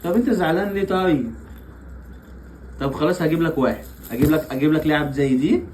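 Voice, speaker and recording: A man's voice: on the high side, fast, darkish tone, a little hiss or hum, low-quality recording. A young father with an Egyptian accent playfully coaxing his small children in a family vlog, laughing often. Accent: Egyptian Arabic. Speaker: father and vlogger.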